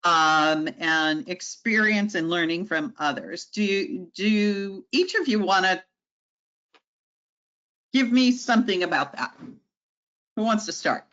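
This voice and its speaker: A woman moderating a panel discussion, speaking haltingly with many repeated words and fillers. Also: fairly low pitch, fairly bright tone, lo-fi sound.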